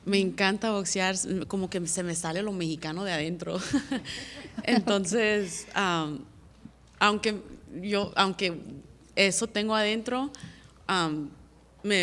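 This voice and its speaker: Speaking on the low side with a slightly bright tone, an American woman fighter gives press conference answers to reporters at a media day. She is earnest and plainspoken, tending to repeat words as she hunts for them, and she's recorded in a large hall with slight background noise.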